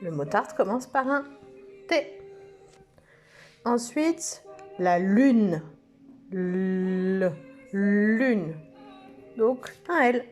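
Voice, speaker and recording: A woman teaching preschool children, speaking slowly and stretching out each word and letter sound. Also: fairly high pitch, expressive, faint music behind. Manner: slow, sing-song, stretches out words and letter sounds. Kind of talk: slow lesson for young children.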